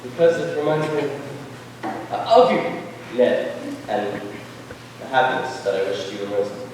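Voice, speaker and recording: A man's voice: medium pitch, animated, background noise, lightly acted. Man as brooding, tormented John Jasper, echoing hall. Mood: restrained. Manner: halting, formal. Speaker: actor in a stage musical. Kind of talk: theatrical stage acting. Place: school theatre stage, audience recording. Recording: echoey hall from far off.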